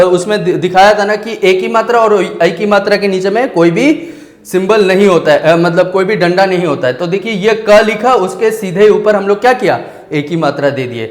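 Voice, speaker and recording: High-voiced male teacher, echoey room. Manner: explains slowly, asks questions and answers them himself; drawls vowel sounds out syllable by syllable. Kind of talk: online Hindi grammar lesson.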